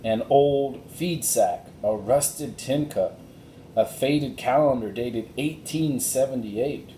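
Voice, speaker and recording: Children's chapter book narration, read aloud by a man in a deliberate, expressive style from a script. The recording picks up roomy reverb along with slight noise and rumble.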